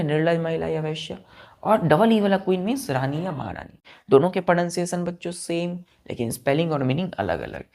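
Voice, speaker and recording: Female teacher, low voice, slow and patient, repeats and checks comprehension. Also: darkish tone. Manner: slow, repetitive, checks understanding often. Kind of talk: vocabulary lesson for students.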